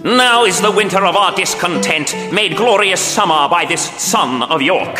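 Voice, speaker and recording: A man's voice: high-pitched, animated, moderate pace, reverberant, in a large hall, music in the background, pitched above the performer's own voice. Man playing a theatrical scheming villain king. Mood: menacing, brooding. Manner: declamatory, theatrical. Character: scheming deformed villain king of Shakespearean history. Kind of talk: comic radio Shakespeare parody.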